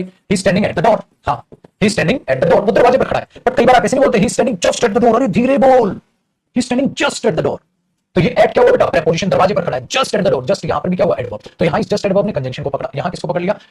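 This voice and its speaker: A man's voice: high voice, a little mellow, breathy edge. A man teaching English grammar in an online live class. He calls his students 'beta' fondly, mixes Hindi and English, and makes teasing asides.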